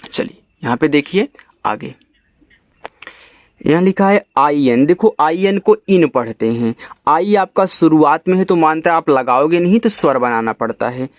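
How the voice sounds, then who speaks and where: A man from India teaching English reading, spelling each word letter by letter and then sounding it out slowly. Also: a little high, animated, dry recording. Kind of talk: step-by-step spelling lesson.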